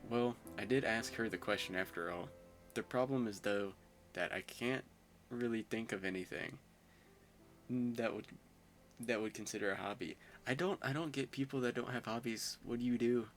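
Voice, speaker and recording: A man's voice: medium pitch, moderate pace, faint music behind. A young man playing a visual novel, reading the narration aloud and mixing in chatty, self-mocking asides. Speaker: gamer.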